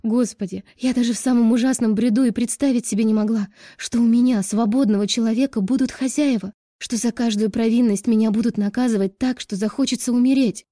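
A woman's voice: medium pitch, fairly even intonation, fairly quick, dark tone, dry recording, studio quality, pitched above the performer's own voice, lightly acted. A woman voicing a tearful, bitter young woman who speaks sharply, on the verge of tears. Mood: despairing.

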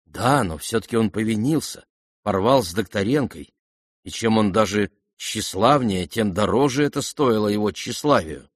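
A man voicing a meek, gentle young prince who speaks mildly and patiently in an audiobook. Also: on the low side, expressive, moderate pace, dry recording, studio quality. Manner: mild, patient, earnest. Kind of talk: audiobook character voice.

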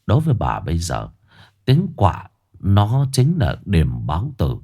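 A man narrating a ghost story in a dramatic, expressive way. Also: deep voice, a little slow, creaky, slightly rough.

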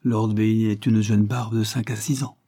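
A man reading aloud, voicing a calm, self-possessed young male lawyer who speaks firmly but with good humour, in a storybook reading. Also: lowish voice, a little slow. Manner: firm, evasive, good-humoured.

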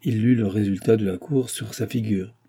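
A man narrating a classic novel as an audiobook in a steady, measured reading. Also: fairly low pitch. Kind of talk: reading a 19th-century novel aloud.

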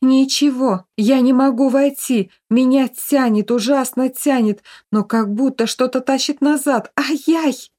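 A woman's voice: measured pace, hardly any pauses, mellow. Woman doing a frantic girl ghost. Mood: panicked. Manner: high frantic cries and sarcastic jabs. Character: young woman ghost, panicky and sharp-tongued.

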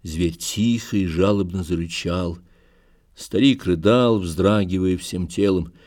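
Slow, low-voiced male audiobook narrator. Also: darkish tone. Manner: measured, dramatic storytelling. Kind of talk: literary audiobook reading.

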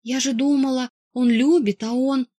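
A naive teenage girl whimpers and pleads through her tears, voiced by a woman reading a novel. Her voice sits high and strained. The storybook reading sounds close and dry. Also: steady tone, normal speed, mellow, dry recording. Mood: sobbing. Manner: whiny, tearful pleading. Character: weepy teenage girl, naive younger sister.

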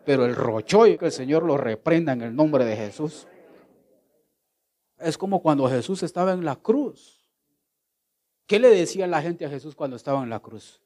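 A man preaching a devotional sermon, asking the listener questions and answering them himself, swinging between loud exclamations and low, hushed phrases. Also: lively intonation, moderate pace, long pauses.

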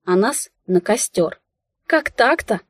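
A woman narrating an audiobook in the first person, ironic and expressive. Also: mid-range voice, slow pace, no echo, studio quality.

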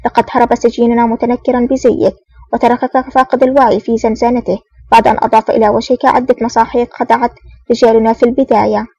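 A woman's voice: a little high, little pitch movement, fast talker, mellow, breathy edge, no room sound, recorded from a distance, muffled recording. A woman reading the lines of a wary, questioning male prison officer in an audiobook. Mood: suspicious.

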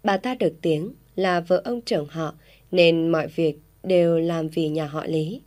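A woman narrating a village story in a steady, even storytelling manner. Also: low-pitched, unhurried.

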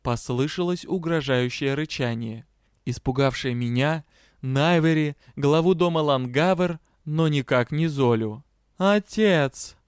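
A man reading a fantasy novel aloud in a lively, expressive narration. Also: fairly high pitch, a little slow, smooth, no room sound, clean studio sound. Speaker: audiobook reader. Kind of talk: scripted narration.

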